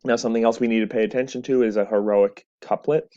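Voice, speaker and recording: A man's voice: mid-range voice, fairly even intonation, fast, mellow, highs cut off. A man teaching a recorded classroom lecture, explaining step by step and checking in with "right?". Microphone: webcam.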